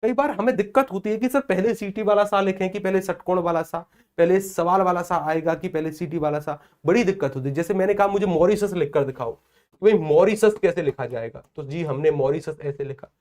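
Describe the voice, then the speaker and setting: A man teaching an exam-prep lecture, lively and playful, often asking questions and answering them himself. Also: sits high, a little fast. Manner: lively, asks and answers his own questions; playful, acts out village celebration chants. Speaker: Hindi teacher.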